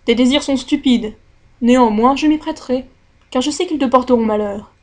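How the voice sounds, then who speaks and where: A scornful old sea witch from a storybook, as a woman reading aloud puts her on. She talks bluntly and with open mockery, making cold threats in a fairly high voice. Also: normal speed, darkish tone, natural voice. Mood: menacing.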